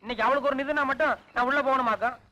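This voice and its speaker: An actor playing a bossy, stubborn elder brother in a village comedy, brusque and bickering. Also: male voice, extremely high pitch, steady tone, rapid-fire, bright, forceful tone, poor audio. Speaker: head of the family, elder brother. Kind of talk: 1980s film comedy acting.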